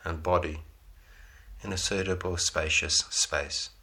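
A man with a deep voice guides a relaxation meditation. His delivery is even and low, with little melodic movement. He offers soothing instructions in short, unhurried phrases, leaving room between them.

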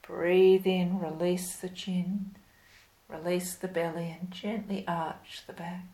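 A woman leading a yoga class as instructor, giving calm, gentle, step-by-step cues in an unhurried way. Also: on the low side, rough recording. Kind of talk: slow guided yoga instruction.

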